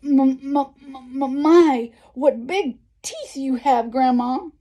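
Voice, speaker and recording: Lady doing an innocent trusting little girl in a fairy tale book, higher voice, soft n slightly husky, hesitant. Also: very animated, takes it slowly, full character voice. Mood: frightened, stuttering. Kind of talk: children's storybook read-aloud.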